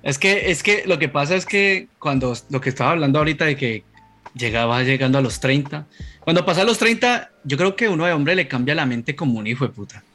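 A man's voice: on the high side, animated, fairly quick, a bit bright, soft background music. A Colombian man in his thirties, co-hosting a podcast in casual, rambling chat, swearing freely. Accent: Colombian Spanish.

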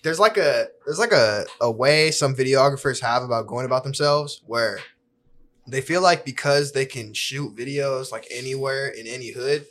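A man's voice: medium pitch, normal speed, fairly bright tone. A young man in casual podcast chat, blunt and profane, full of bro slang. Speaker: podcast co-host, videographer.

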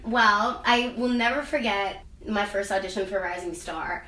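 In a casual interview, this young woman, who sings and acts, rambles along at normal speed, her medium-pitched voice pushed and bright. "Like" and "um" pepper nearly every thought. The room is echoey, with a distant mic and faint ambience.

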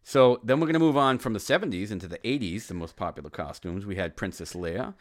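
A middle-aged man with a very low, deep voice hosts a casual podcast chat. He rambles in a fatherly way, teasing his child between topics. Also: animated, fast talker. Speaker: podcast host.

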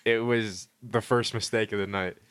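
A man's voice: on the low side, steady tone, moderate pace, fairly bright tone, smooth. A man chatting casually as a podcast co-host, telling stories in slangy, joking talk. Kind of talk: casual chat, anecdotes.

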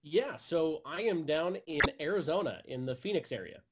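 A man's voice: a little high, expressive, moderate pace, a loud crowd. A man from a game publisher guesting on a podcast, talking earnestly in casual chat with fillers.

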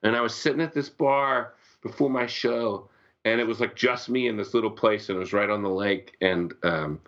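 A man's voice: on the low side, moderate pace, fairly bright tone, dull audio. A man, a songwriter guest, chatting casually in an interview from his bedroom, often restarting his sentences.

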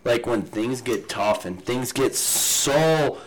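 A man in his twenties telling a rambling story among friends, full of fillers and quick impressions of other people. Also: medium pitch, lively intonation, a little hiss or hum, rough recording. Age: 20s. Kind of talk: casual group banter.

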